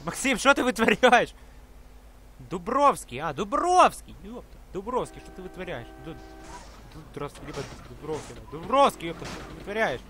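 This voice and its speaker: Very high-pitched, excitable male gamer. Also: normal speed, slight background noise. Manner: excitable, exclaiming, street slang. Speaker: gaming video host. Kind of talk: excited gameplay commentary with slang.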